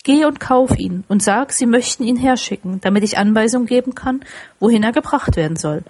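A woman voicing a giddy, overjoyed old male miser in an audiobook, with excited exclamations. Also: on the high side, brisk, breathy edge.

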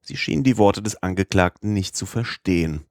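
Male audiobook narrator, very low voice, bone-dry close mic. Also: lively intonation, fairly quick, darkish tone, no room sound.

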